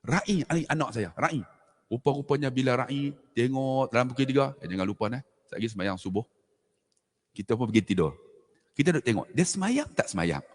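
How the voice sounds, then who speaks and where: Middle-aged man, husky, animated forum speaker, long hall reverb. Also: medium pitch, a little fast. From Malaysia. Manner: lively, jokey, addresses audience as tuan-tuan. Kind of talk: animated storytelling talk to an audience.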